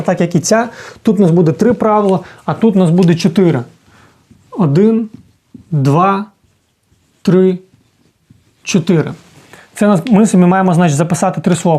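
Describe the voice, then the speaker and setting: A man teaching a casual video lesson as an English teacher, explaining slowly and often checking in with the listener. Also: sits high, darkish tone.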